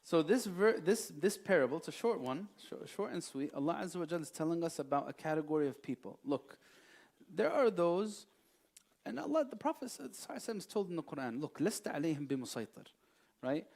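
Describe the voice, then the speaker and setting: A high-pitched man preaching to a congregation. He is animated, dropping to soft, low asides and then rising to loud, emphatic lines. He recites scripture in quick bursts. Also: vocal fry. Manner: animated, swings between quiet and loud, recites verses quickly. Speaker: imam giving a religious talk. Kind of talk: sermon.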